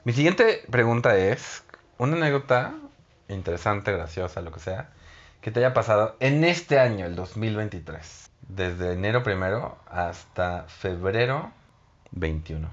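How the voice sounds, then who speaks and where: A man's voice: lowish voice, lively intonation, a little slow, highs cut off. A man, a stand-up comedian co-hosting a casual podcast, dropping dry jokes. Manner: dry, joking interjections. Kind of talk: casual chat.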